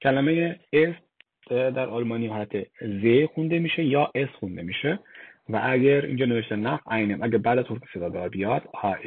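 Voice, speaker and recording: مردی با صدای گرفته در درس زبان. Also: male voice, medium pitch, slightly rough, no room sound. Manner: slow, spelled-out explanations, vowel by vowel, with fillers. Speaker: German language teacher. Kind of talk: slide-based language lesson. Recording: dry, phone-like lo-fi voice-over.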